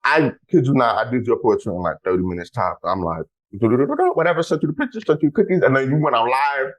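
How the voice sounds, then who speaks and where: A male podcast host in casual conversation, excitable and animated. His pitch climbs and falls all over the place as he tells stories, and he keeps throwing playful asides to his listeners. The tone is loose, chatty and quick to get excited. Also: rough recording. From Houston, United States. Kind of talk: casual chat.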